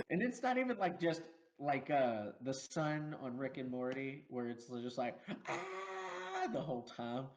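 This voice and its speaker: A man with a medium-pitched voice and vocal fry co-hosts a casual movie review podcast. He takes it slowly but stays animated, laughing often as he acts out lines from the film.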